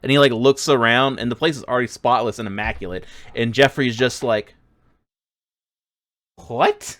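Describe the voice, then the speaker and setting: A man's voice: medium pitch, fairly even intonation, fairly quick, fairly bright tone. A man narrating a tabletop game as game master, rambling with lots of fillers. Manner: rambling, filler-heavy, laughs a lot.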